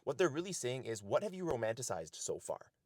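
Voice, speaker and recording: Fast-talking earnest man giving life advice. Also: medium pitch, big pitch swings, no room sound, studio quality. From Canada. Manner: earnest, repeats "right?" and "the reality is". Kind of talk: casual motivational talk to camera. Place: outdoors in snow.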